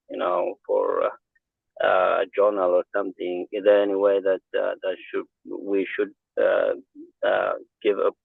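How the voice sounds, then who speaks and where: A man's voice comes through a tinny, dry car speakerphone while he drives. He talks in a deep, flat, gravelly tone and keeps pausing on fillers as he works through his question. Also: no room sound. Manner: halting, with many fillers. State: driving. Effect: calling in from a car on a speakerphone. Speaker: doctor in a research meeting. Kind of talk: casual question in an online meeting. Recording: tinny phone line, dry.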